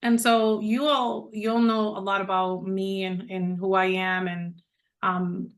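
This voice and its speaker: A middle-aged woman from the Dominican Republic speaks at a mid-range pitch, talking straight to her listeners as she presents a coaching program. She stays conversational and persuasive. The sound comes through a video call. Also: level tone, slow. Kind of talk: online presentation to a group.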